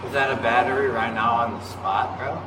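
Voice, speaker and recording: A drunk man rambling and yelling belligerently in slangy, profane taunts, constantly saying "bro". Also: medium pitch, steady tone, fairly quick. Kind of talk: confrontational street talk, profane taunting. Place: public library property. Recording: roomy, noisy on-the-scene recording.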